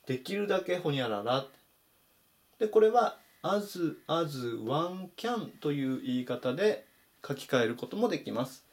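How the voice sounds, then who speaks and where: A man teaching English vocabulary in Japanese, saying each word slowly and clearly in a voice-over lesson. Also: a little high. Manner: slow, careful spelled-out pronunciation of English words.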